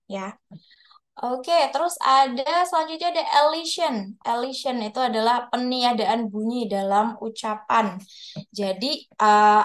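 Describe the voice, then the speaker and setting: A young woman teaches English pronunciation over a video call, her voice a little on the high side. She explains in a relaxed, chatty way, then slows down to say each English example carefully. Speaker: tutor. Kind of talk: online English pronunciation lesson. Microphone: headset or computer mic on a video call.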